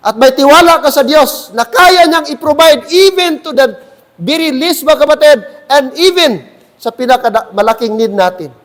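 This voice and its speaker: A man's voice: very high voice, expressive, moderate pace, fairly bright tone, long reverb tail. A man with a Filipino accent preaching a sermon as pastor, switching between Tagalog and English and often calling out to the congregation. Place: church.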